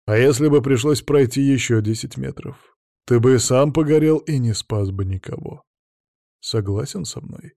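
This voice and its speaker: Man reading as a gruff ex-soldier mentor, blunt, lecturing, warm low tone, audiobook. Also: normal speed, no room sound, studio quality, natural voice. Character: gruff veteran male mentor, mocking and stubborn.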